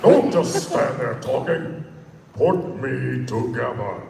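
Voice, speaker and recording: A man's voice: mid-range voice, expressive, slow pace, vocal fry, very noisy. A man voicing a whiny, torn-apart male scarecrow who complains urgently. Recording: echoey hall from far off.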